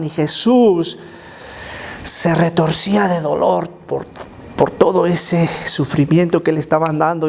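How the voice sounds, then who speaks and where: High-voiced, slow male children's pastor. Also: vocal fry. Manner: slow storytelling that mixes Spanish with English words; animated and emphatic, inviting listeners to imagine. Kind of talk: Bible story lesson for children.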